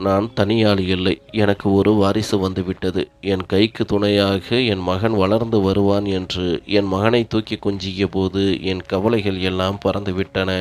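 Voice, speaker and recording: Male narrator, low register, earnest and heartfelt first-person family story reading.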